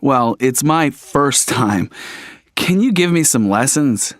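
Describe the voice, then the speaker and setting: A man's voice: mid-range voice, expressive, slow, dry recording, clean studio sound. An actor playing a friendly young man who is new to skating and chatty in a scripted textbook dialogue. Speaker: travel agency computer worker.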